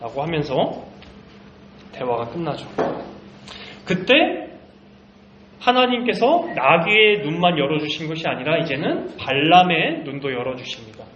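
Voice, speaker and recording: A man teaching a children's Bible story, lively and speaking straight to the kids. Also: a little high, a little slow, pauses often, a little hiss or hum. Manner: lively, talks to the children directly. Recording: roomy, slightly muffled recording.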